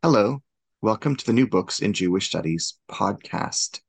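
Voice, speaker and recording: A man's voice: lowish voice, expressive, moderate pace, vocal fry. A man hosting a podcast interview, formal and courteous in his introductions and questions. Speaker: podcast host.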